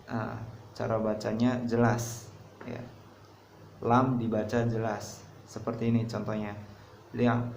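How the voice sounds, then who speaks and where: A man's voice: fairly low pitch, creaky, darkish tone. A young man teaching a casual tajwid lesson, patiently explaining step by step. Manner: patient, explains step by step, says "nah" often. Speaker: Quran recitation teacher. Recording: roomy, dull lo-fi recording with faint noise.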